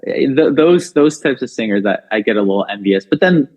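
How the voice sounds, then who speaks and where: Speaking at normal speed with a medium-pitched voice, a man who sings in a rock band chats as a podcast guest. He's animated and talkative, with plenty of fillers and restarts, and the recording sounds dull and lo-fi.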